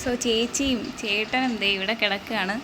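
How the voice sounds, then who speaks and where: A woman vlogging at home, talking to her pets in sing-song baby talk and calling herself their mother, then explaining things to viewers in a softer voice. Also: fairly even intonation, normal speed, background noise. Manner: narrates to viewers in a softer, lower voice. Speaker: pet vlogger. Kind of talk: casual vlog talk to pets.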